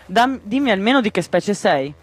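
A man voicing a gruff grey male bird in a storybook reading, harsh and lecturing, over soft music. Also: high voice, expressive, brisk. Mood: doubtful. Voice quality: harsh, scolding. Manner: huffy, lecturing.

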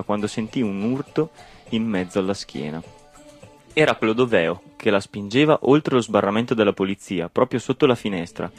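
A man narrating a children's storybook in a lively, expressive reading. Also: on the low side. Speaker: audiobook narrator.

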